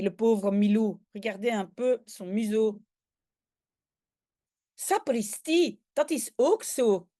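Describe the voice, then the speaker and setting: With a mid-range voice and a Flemish accent, this woman teaches language by reading a comic aloud and walking through each line. When the characters cry out, she voices them in lively bursts.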